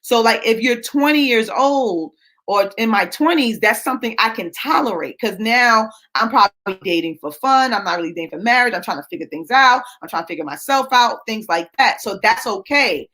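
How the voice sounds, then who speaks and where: Woman, late thirties, livestream host, higher voice, lively and chatty with viewers. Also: brisk. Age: late 30s. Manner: animated, laughing, addresses viewers as y'all. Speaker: host of a live show. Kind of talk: casual livestream talk to viewers.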